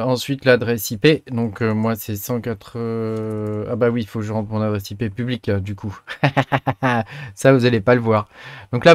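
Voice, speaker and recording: Chatty man walking through software. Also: medium pitch, no room sound, studio quality. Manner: chatty, many filler sounds. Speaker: tutorial host. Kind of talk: screen-recorded software tutorial.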